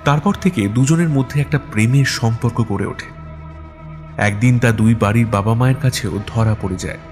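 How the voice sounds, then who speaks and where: A man reads an audio story in a steady, measured narration. His voice sits at an ordinary, mid-range pitch. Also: faint music behind.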